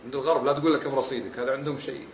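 A man with a mid-range voice races through a religious lecture as an Islamic scholar, his intonation fairly even. He stresses and repeats points and pushes listeners with rhetorical questions; the echoey hall carries faint ambience and slight background noise.

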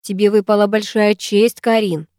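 A woman's voice: medium pitch, level tone, a little mellow, no room sound, clean studio sound, lightly acted. A woman voicing a young witch who leads a ritual, speaking with solemn command. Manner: commanding, solemn, chanting slowly.

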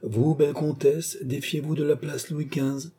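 A man doing a calm, mysterious sorcerer. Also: fairly high pitch, unhurried, slightly rough, voice pushed up. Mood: knowing. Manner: composed, knowing prophecies.

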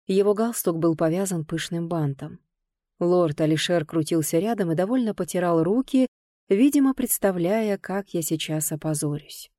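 A woman narrating a first-person audiobook in a lively, expressive storytelling manner. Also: lowish voice, no room sound, studio quality.

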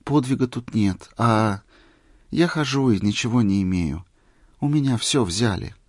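A man reads as a humble wandering holy fool, telling his tale quietly and plainly. The voice is husky and close-miked, with a dry sound and an unhurried pace. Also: fairly low pitch, animated, no echo. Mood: meek. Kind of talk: story reading.

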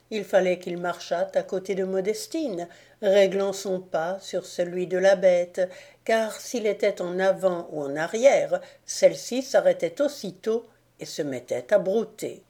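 Slow, low-voiced woman reading a story. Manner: calm, even storytelling with quoted dialogue. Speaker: audiobook reader. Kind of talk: scripted narration.

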